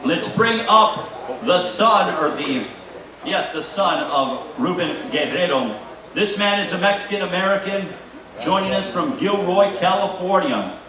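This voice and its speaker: Crowd noise surrounds a boxing promotion event where the host, sounding like a showy ring announcer, brings out the fighters. His voice sits high, animated and a little slow, captured by a distant mic in an echoey hall with faint noise.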